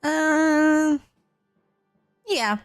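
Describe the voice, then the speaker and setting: Female player, slow delivery, higher pitch, dry sound. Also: dry recording, soft background music. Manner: casual, swears. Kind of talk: casual tabletop play.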